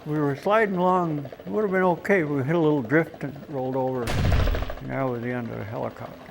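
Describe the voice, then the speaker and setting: Gravelly older man reminiscing. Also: a little high, noisy background. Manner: reminiscing, halting with restarts, chuckling. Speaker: wildlife biologist. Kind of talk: documentary interview storytelling.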